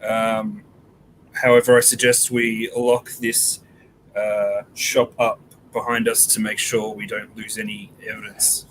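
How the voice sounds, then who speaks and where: A man taking part in a tabletop game, speaking in character with a halting, stammering manner. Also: on the low side, little pitch movement, a bit bright, slight background noise, low-quality recording. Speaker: player.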